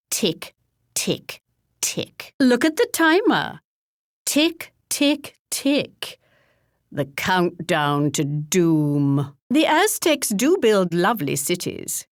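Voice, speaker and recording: A woman's voice: lowish voice, no room sound, studio quality, exaggerated voice. An actress playing a regal, wry English queen in a video game, with a British accent and a pompous, formal, archly polite delivery. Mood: stately, wry. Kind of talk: theatrical video game character voice lines.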